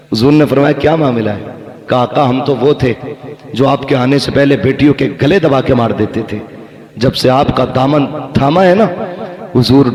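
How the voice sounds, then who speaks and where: A male Islamic preacher giving a sermon at a gathering, exhorting the crowd and chanting a genealogy in a raised, sing-song cadence. He says he is tired. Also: medium pitch. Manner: exhorting, urging the crowd to respond loudly. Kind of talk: sermon at an outdoor religious gathering. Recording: echoey public address with crowd.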